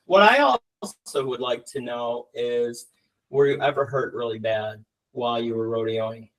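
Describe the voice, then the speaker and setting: A man's voice: medium pitch, a little slow, fairly bright tone, poor audio. A man hosting a casual interview, chatty and exclamatory as he puts questions to his guest. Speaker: podcast host.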